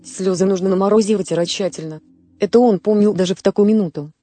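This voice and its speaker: A woman narrating a story in a steady, even manner, as in an audiobook. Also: mid-range voice, quick pace, soft background music.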